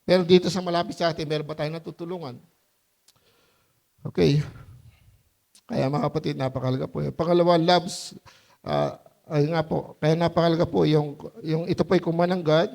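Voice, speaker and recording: A man's voice: moderate pace, creaky, long pauses. A man preaching a sermon as pastor in a loose, conversational way, often asking the congregation questions and laughing as he tells stories. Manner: lively, with high-pitched voiced quotes and laughter.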